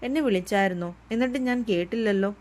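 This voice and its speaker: A shy, tender young woman from a read-aloud romance, as the woman narrator voices her, soft and pleading. She stumbles a little, hesitant and sweet. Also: mid-range voice, fast, natural voice. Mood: curious.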